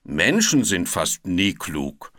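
A man's voice: low-pitched, huge pitch swings, slow pace, a bit bright, dry recording, clean studio sound, voice pushed down, heavily acted. A man voicing a grumpy, thoughtful old male animal who grumbles and ponders. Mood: grumbling, thoughtful.

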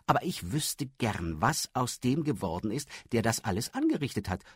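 A man voicing a shrill, easily amused lady who exclaims and gossips, in an audiobook. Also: very animated, normal speed, breathy edge, no room sound, clean studio sound. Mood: amused, chatty. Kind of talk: audiobook character voice.

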